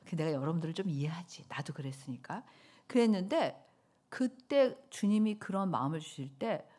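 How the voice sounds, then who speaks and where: A middle-aged woman pastor giving a sermon in church, telling stories with loud outbursts and soft whispers. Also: medium pitch. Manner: animated storytelling, swings between loud outbursts and soft whispers.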